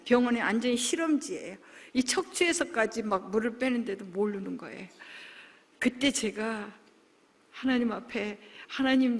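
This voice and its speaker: A middle-aged woman, a pastor's wife, giving an earnest, emotional testimony sermon, moving from soft asides to loud exclamations. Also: fairly high pitch. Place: large church hall. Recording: long hall reverb.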